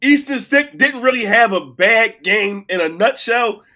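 Male podcast co-host with a sick, cracking voice; bright, high-ish tone, loud when excited. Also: measured pace. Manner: playful, boastful, gets loud when excited. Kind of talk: casual sports chat.

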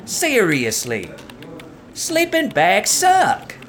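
A man's voice: sits high, drawn-out words, slight background noise, heavily acted. A man playing a male coworker who insists on odd unpopular opinions and keeps repeating his point. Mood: insistent. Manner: insistent, repeats a flat catchphrase.

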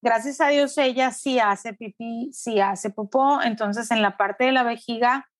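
A woman's voice: on the high side, no echo. Earnest middle-aged mother, dry close sound. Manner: reflective, earnest, often slows down. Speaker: interviewee, mother. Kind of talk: emotional personal testimony.

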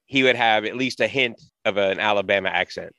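A man's voice: fairly low pitch, a little fast, pushed and bright, no room sound. Agreeable man in a dry chat. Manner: agreeable, chimes in, tells anecdotes. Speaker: podcast co-host. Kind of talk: casual movie review chat.

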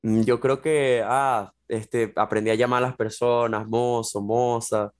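A man's voice: medium pitch, a little slow. A man in his twenties from Venezuela with a Venezuelan Spanish accent, chatting casually as a podcast guest and sprinkling in fillers like "bro". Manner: relaxed, chatty, many fillers like "bro" and "este". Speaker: guest, jiu-jitsu athlete.

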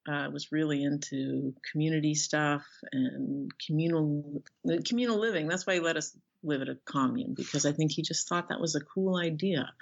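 Her voice is low and creaky: a middle-aged woman, an author and illustrator, being interviewed casually on lo-fi, somewhat dull audio. She speaks conversationally about her work, wandering hesitantly and regularly restarting sentences partway through.

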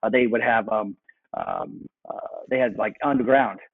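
A man in his thirties, a podcast guest, telling stories in a casual chat with animated asides. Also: on the low side, moderate pace, creaky, slightly rough. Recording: muffled phone-like line.

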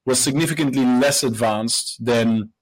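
A thirty-something Belgian man, a professor who co-founded a company, tells stories in a relaxed manner while answering interview questions, with fillers and restarts along the way. His voice is medium in pitch with a measured pace, captured in a low-quality recording.

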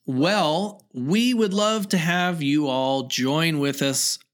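A man's voice: on the high side, takes it slowly. Male co-host, upbeat and easily amused, casual gaming chat. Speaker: podcast co-host.

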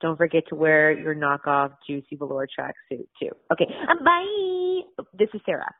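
A woman's voice: low-pitched, animated, moderate pace. Chatty woman over a tinny phone line. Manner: chatty, rambling, self-correcting. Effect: heard over a landline phone. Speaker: podcast co-host. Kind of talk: comedic voicemail message.

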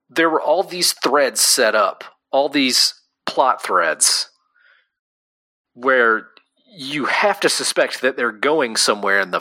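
A man co-hosting a casual podcast about comics, talking in animated quick bursts full of fillers. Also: mid-range voice, dry recording. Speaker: podcast co-host. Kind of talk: casual chat.

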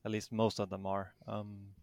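A man's voice: lowish voice, completely flat delivery, moderate pace, vocal fry, darkish tone, no echo. A man with a Danish accent answering interview questions casually, in a modest, hesitant manner. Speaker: interviewed tournament champion.

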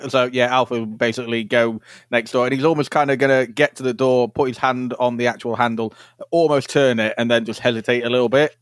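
A man's voice: medium pitch, steady tone, fast talker, no echo, studio quality. A man playing a tabletop game, speaking politely and formally in character. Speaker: player. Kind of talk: tabletop role-play in character.

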